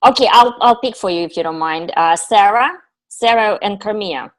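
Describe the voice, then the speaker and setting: A woman's voice: mid-range voice, normal speed. A woman facilitating an online workshop, speaking in a friendly, hesitant way and often repeating words. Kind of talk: casual group moderation.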